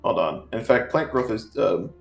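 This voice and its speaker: A man's voice: medium pitch, lively intonation, moderate pace, creaky. A man narrating as game master of a tabletop game, rambling with many fillers. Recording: echoey room with faint music.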